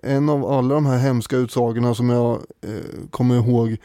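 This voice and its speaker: Working through his ideas with many fillers, a thoughtful, hesitant history podcast co-host talks in a warm, mellow voice of medium pitch and steady tone. The recording is close and dry, with no room around it.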